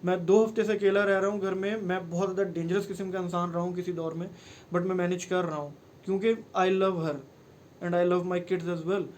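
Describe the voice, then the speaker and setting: A man's voice: high voice, flat delivery, moderate pace, darkish tone, a little hiss or hum. A man, giving earnest, pleading advice to camera in a personal vlog and mixing in English phrases. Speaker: vlogger.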